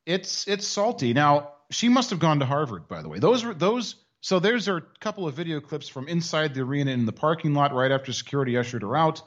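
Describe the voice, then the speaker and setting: A man narrates a news story as a commentary host, wry and mocking. His voice sits a bit high and moves with lively swings of pitch. The audio is dull and lo-fi. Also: fairly quick, few pauses. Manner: dry, mocking asides. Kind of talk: sarcastic commentary.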